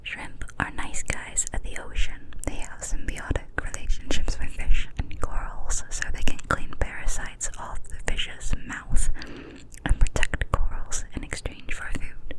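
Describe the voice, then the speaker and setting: A woman's voice: a little slow, rough recording. A young adult woman giving whispered ASMR narration, cupping her hand and whispering very close to the mic without voicing. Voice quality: unvoiced whisper. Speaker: ASMR host. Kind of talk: whispered ASMR, reading fun facts. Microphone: extreme close-up mic.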